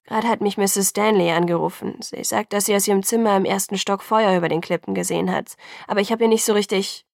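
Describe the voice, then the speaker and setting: A gruff middle-aged father on the phone, read by a woman, clipped and worried. His voice has a gravelly grain and sounds close and dry, with no room around it. He speaks in short, brisk sentences like a small-town police chief. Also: mid-range voice, steady tone, a little mellow, dry recording, lightly acted.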